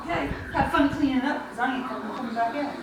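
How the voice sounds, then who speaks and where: A woman's voice: high voice, fast talker, distant mic, background noise. A middle-aged woman scolding in casual, foul-mouthed exasperation, as a mother who is being pranked. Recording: echoey room, other voices around.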